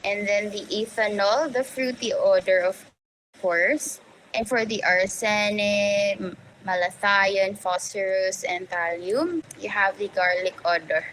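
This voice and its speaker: Female lecturer, Cebuano Filipino accent, mid-pitched, slow and halting classroom delivery. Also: fairly even intonation, fairly bright tone, slight background noise, rough recording. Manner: halting, explanatory, many fillers.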